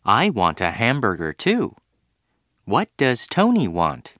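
A man's voice: mid-range voice, wildly swooping pitch, extremely slow, a bit bright, no room sound, studio quality, heavily acted. A man reading the part of a student in a textbook listening dialogue, over-enunciating each word. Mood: plain. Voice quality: careful over-enunciated delivery. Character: plain male student in an English dialogue. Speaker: dialogue speaker in a listening exercise.

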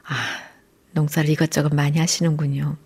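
A woman hosting a radio program, gently talking and reading out listener messages from a studio microphone. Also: sits low, little pitch movement, a little fast, breathy edge. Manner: gentle, reads listener texts aloud.

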